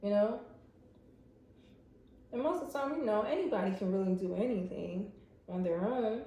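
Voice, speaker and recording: A woman's voice: mid-range voice, normal speed, mellow, highs cut off. A woman giving a casual pick-a-card tarot reading, chatty and speaking straight to her viewers with lots of fillers. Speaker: tarot reader. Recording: very echoey room.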